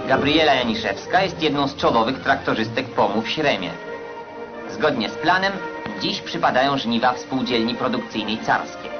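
A man's voice: medium pitch, animated, moderate pace, muffled recording. A man narrating an old newsreel in a formal, declamatory announcer manner, heard through an old film soundtrack. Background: loud orchestral music.

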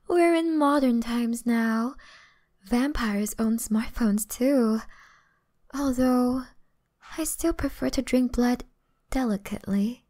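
A woman playing a flirtatious, gentle but predatory female vampire in an ASMR role-play, teasing and softly boastful. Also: on the high side, takes it slowly, pauses often. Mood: calm, matter-of-fact.

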